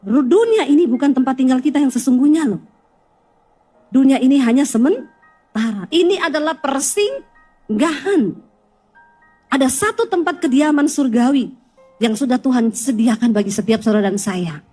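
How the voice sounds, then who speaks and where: Woman preacher, high bright voice, humorous storyteller in church, faint music underneath. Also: moderate pace, long pauses, breathy edge. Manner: lively storytelling with teasing humor, often calls out to the congregation. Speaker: pastor. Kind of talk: sermon. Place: church in front of a congregation.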